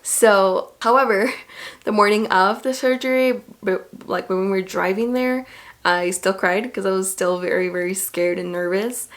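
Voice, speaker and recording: A young adult woman vlogger retells stories to the camera in a casual, chatty, animated way. Her voice is mid-range and she speaks at normal speed.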